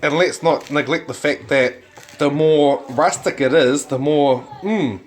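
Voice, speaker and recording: A man's voice: fairly high pitch, a little slow, faint music behind. A man doing jokey, mock-serious running commentary as a co-host, often echoing the cook's words.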